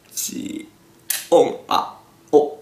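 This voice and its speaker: A man's voice: extremely slow, darkish tone, reverberant. A man vlogging in Kansai dialect, showing off a toy in a chatty, playful way with frequent laughs. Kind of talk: casual product showcase vlog.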